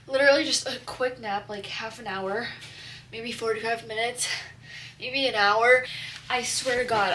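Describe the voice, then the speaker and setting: Young woman, casual confessional vlog, high-pitched, frank and profane, quiet room tone behind. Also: far from the mic, noisy background. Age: young adult. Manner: candid, swearing, emotional swings. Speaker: vlogger, college student.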